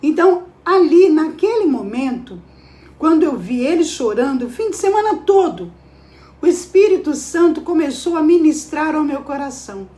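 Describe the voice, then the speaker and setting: A woman's voice: high-pitched, animated, normal speed, mellow, reverberant. A woman giving a devotional sermon, emphatic and full of rhetorical questions to her listeners. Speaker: preacher. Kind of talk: devotional preaching.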